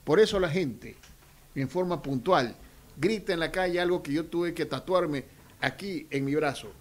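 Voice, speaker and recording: A middle-aged man, a political candidate giving a forceful, theatrical radio interview. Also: on the high side, normal speed. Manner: forceful, theatrical, swells to shouting. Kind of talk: radio interview, campaign speech.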